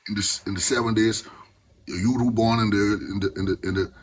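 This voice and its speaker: A man's voice: on the low side, fairly even intonation, brisk, slight background noise. An older man from the Bahamas with a Caribbean accent, reasoning informally and with passion in Rasta speech with patois phrasing. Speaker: Rastafarian elder.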